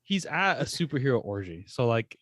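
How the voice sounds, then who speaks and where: A man of middle pitch talks through his points in a wry, explaining way, landing jokes with a straight delivery. The recording is dry and close. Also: big pitch swings, fairly quick, a bit bright, no room sound. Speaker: co-host guest. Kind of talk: casual chat reviewing a TV episode.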